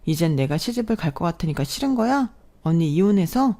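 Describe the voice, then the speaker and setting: A woman's voice: lowish voice, animated, brisk, warm tone. A woman voicing an indignant young bride-to-be. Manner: indignant, protesting.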